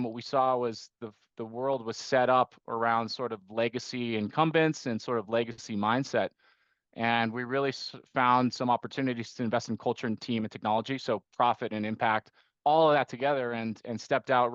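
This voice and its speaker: This conversational podcast interview features a guest who manages an investment firm as managing partner: a middle-aged man raised in Costa Rica who often restarts and leans on a rhetorical "right?" while covering his investment work. He speaks fairly quickly in a steady, mid-range, fairly bright voice. The recording is dry, with highs cut off.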